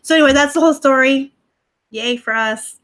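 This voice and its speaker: A brisk woman with a high, fairly bright voice hosts a casual home live stream, reading viewer comments. The online reseller is a bit snarky, laughs often, and streams through her laptop.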